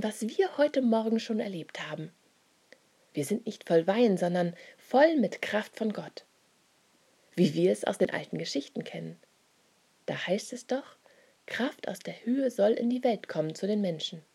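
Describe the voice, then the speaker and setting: A woman reading the part of Peter, an excited, long-winded grown man, in a husky, breathy voice. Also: mid-range voice, normal speed, heavily acted. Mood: eager. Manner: eager, insistent, long-winded.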